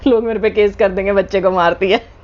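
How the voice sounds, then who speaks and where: A woman's voice: mid-range voice, lively intonation, a little slow, darkish tone, lo-fi sound. A woman vlogging at home in casual chat, playful and teasing, switching between Hindi and English. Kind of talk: casual vlog chat to camera. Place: at home indoors.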